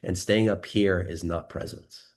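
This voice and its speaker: A man coaching listeners, talking calmly and leading them through a slow guided breathing exercise with many questions. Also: sits low. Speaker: dating and confidence coach.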